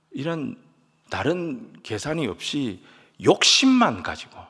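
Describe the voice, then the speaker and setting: A male pastor preaching a sermon, emphatic, moving from soft near-whispers to loud stressed lines and leading the congregation in scripture reading. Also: fairly low pitch, slightly rough. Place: large church sanctuary. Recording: long church hall reverb.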